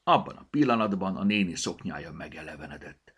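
A man narrating a children's storybook chapter with an expressive, animated delivery. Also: low-pitched, breathy edge. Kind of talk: audiobook storytelling.

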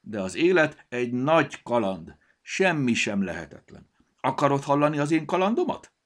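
A talking book, touchy and bursting with excitement, that speaks up loudly in a lively, bouncing voice, as a man puts it on. Its tone is gravelly and a little husky. It is a storybook character. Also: deep voice, heavily acted. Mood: huffy excited. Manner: offended, then eager.

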